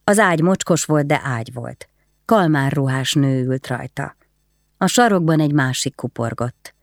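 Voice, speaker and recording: A woman narrating a historical novel in a measured, descriptive way. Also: a bass voice, expressive, dry recording, clean studio sound. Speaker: audiobook narrator. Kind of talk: scripted literary narration.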